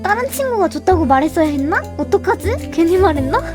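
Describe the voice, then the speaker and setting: A woman in her twenties, a livestreamer chatting with her viewers in an animated, flustered, protesting way. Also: very high voice, fast talker. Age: 20s. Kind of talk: casual chat with viewers. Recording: music playing behind the voice. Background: background music.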